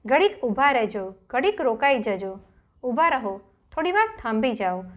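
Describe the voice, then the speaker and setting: A woman's voice: a little high, sing-song, normal speed, dull audio. A woman voicing a desperate village man who calls out and prays earnestly, in a storybook reading. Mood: urgent. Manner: urgent calling, earnest prayer.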